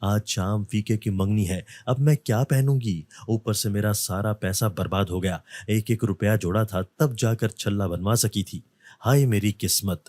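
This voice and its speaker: A man voicing a loud, quarrelsome middle-aged beggar woman who wails and scolds her husband. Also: on the low side, moderate pace, no room sound, lightly acted. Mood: wailing. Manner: wailing, scolding.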